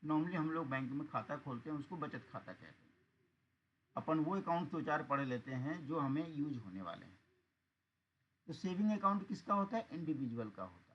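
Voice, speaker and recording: A man's voice: on the high side, a bit bright, dull audio, slight background noise. A man teaching accounting in an online class, explaining patiently and often checking that students follow.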